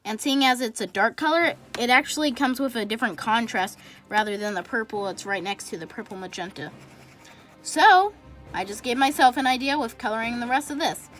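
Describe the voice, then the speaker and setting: A woman's voice: a little high, brisk, faint music behind. Rambling chatty woman narrating a drawing. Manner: rambling, chatty, talks while coloring; self-correcting, thinks out loud. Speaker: drawing channel host. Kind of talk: casual drawing tutorial narration.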